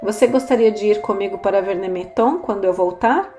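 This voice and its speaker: A woman reading the lines of a frank, dry older priestess in an audiobook, speaking in a measured way. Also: medium pitch, warm tone, lightly acted. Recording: roomy echo, faint music.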